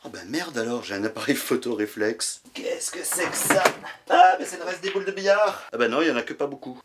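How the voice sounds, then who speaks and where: Lively-voiced man rummaging through his closet. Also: mid-range voice, quick pace, noisy background. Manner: rambling, swearing, self-mocking. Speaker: YouTuber. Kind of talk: casual vlog chatter. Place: cluttered apartment, clearing a closet.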